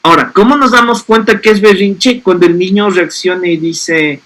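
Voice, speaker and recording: A man's voice: sits high, moderate pace, fairly bright tone. A man, explaining parenting to an audience and often checking in with rhetorical questions. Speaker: speaker on a parenting panel.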